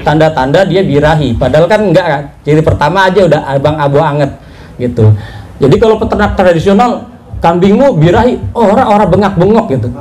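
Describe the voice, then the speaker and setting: Man, high-pitched voice, patient instructor, step-by-step explanations, speaks to farmers directly. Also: darkish tone. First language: not Javanese. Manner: patient, addresses listeners as "Pak", spells out points step by step. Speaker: livestock breeding instructor.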